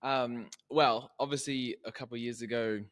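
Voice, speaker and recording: A man's voice: mid-range voice, steady tone, normal speed, a bit bright. A man hosting a casual podcast interview, upbeat and enthusiastic, with lots of fillers and laughter. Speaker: podcast host.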